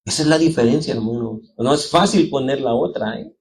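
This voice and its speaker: A man with a Mexican Spanish accent, preaching a sermon as pastor, telling lively stories and calling his listeners brothers and sisters. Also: mid-range voice, brisk. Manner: animated storytelling, acting out quoted voices.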